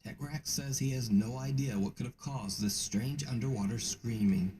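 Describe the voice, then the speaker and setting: A man's voice: medium pitch, rough recording. Man narrating creepy stories over noise. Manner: measured, hushed storytelling delivery. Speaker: narrator of a scary video countdown. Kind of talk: scripted narration.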